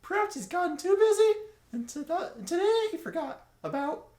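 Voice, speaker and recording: A roomy recording of a cartoon mouse voice, extremely high and squeaky. The strained falsetto reads a silly storybook-style narration in a halting, exaggerated manner. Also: male voice, sing-song, darkish tone. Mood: mock concerned. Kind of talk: comic fan fiction reading. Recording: roomy, echoing home recording.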